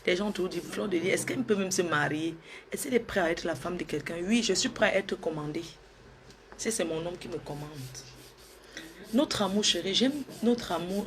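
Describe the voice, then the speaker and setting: A woman doing a comedic sketch monologue to an unseen lover, playful and theatrical, shifting between sweet coaxing and loud outbursts. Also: lowish voice. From Africa.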